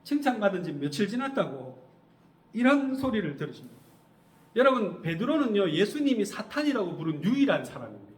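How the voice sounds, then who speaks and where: This middle-aged pastor's sermon is brisk and very animated, delivered in a high voice as he asks his congregation questions and supplies the answers. The recording carries the echo of a church hall.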